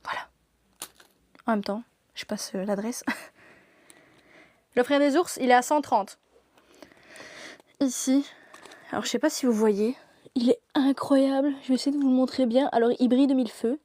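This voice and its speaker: High-pitched young woman, gushing live-stream seller, laughs a lot. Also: measured pace, long pauses, mellow, no room sound. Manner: enthusiastic, gushing, laughs often. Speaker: shop saleswoman presenting products. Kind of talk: live-stream product showcase.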